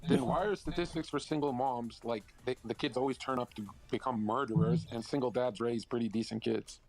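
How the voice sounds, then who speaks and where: A man's voice: mid-range voice, steady tone, fairly quick, darkish tone, rough recording. A man in a casual online debate who provokes and jokes, often breaking in with questions. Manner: provocative, joking, interrupts with hold on. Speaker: stream guest.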